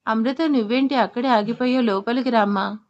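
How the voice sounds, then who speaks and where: A woman's voice: fairly high pitch, fairly quick, lo-fi sound, natural voice. A woman voicing a kind, reassuring elder mother. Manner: warm, reassuring. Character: kindly middle-aged mother-in-law.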